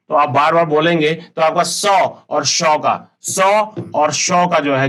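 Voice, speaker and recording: A man's voice: medium pitch, a bit bright. A man teaching a primary-school English lesson, explaining in Hindi and English. He repeats words and spells them out letter by letter. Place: recorded lesson for an educational TV channel.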